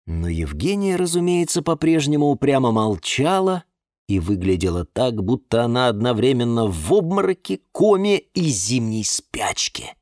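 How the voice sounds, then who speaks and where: A man narrating a children's storybook in an animated, expressive way, close to the mic. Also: mid-range voice, normal speed, dry recording.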